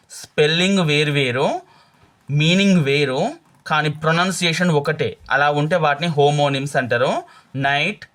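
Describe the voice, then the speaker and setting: A man teaching exam English questions, reading each question slowly and then explaining it quickly. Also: fairly high pitch, bright, forceful tone.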